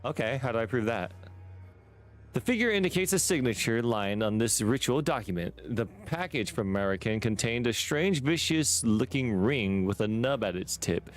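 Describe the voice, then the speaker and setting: A man's voice: mid-range voice, expressive, normal speed. Joking man streamer reading game text. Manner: joking, playful asides. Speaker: gaming streamer. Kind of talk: casual let's-play commentary, reading game text aloud.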